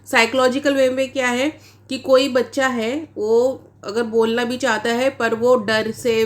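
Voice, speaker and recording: A woman teacher giving an exam-prep lecture, explaining points step by step and asking rhetorical questions as she goes. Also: on the high side. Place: online class recording.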